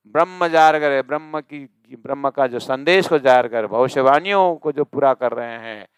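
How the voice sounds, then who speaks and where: A male religious teacher giving a scripture discourse, chanting verses slowly and explaining them with emphatic, rising questions. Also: mid-range voice, vocal fry, a bit bright, clean tone, dry recording, studio quality.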